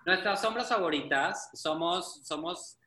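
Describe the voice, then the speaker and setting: A man's voice: high-pitched, unhurried, bright, forceful tone, echoey room. A man, a drag performer chatting casually, meandering with frequent restarts. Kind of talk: casual chat.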